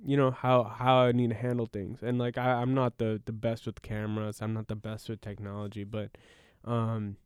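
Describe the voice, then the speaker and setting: A man's voice: on the low side, flat delivery, moderate pace, hardly any pauses, smooth, no echo, studio quality. A young man from suburban Washington chatting casually as a podcast co-host, rambling and informal. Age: young adult. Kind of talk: casual chat.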